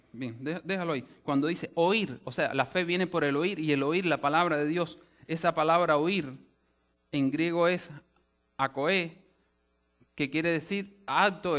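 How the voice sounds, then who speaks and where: A man's voice: fairly high pitch, fairly bright tone. A male pastor teaching a sermon in an explanatory way, often restarting phrases and rephrasing with asides. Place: church sanctuary.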